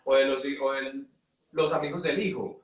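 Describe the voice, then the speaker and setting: A man's voice: medium pitch, steady tone, moderate pace, far from the mic. A young man, a psychologist, thinking aloud in a casual family conversation. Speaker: psychologist, guest. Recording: roomy echo.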